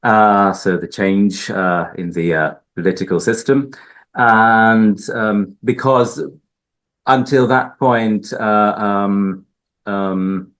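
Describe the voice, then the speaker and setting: In a research institute building, a man from Hungary, a linguist guest, responds to interview questions haltingly, with plenty of fillers and restarts. He has a fairly low, fairly bright voice, a steady tone, and a slow delivery.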